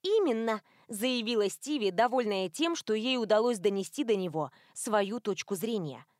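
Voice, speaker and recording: A woman audiobook narrator gives a lively, expressive scripted reading of a novel. Her voice is mid-range and her pace moderate, and the studio sound is clean with no room sound.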